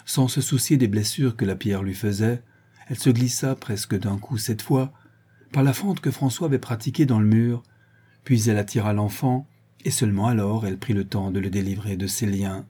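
Man, audiobook narrator, husky voice, mellow low tone, measured literary reading.

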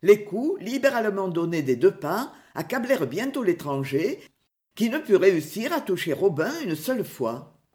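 Expressive woman reading a novel aloud. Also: medium pitch, moderate pace. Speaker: audiobook reader. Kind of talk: novel narration.

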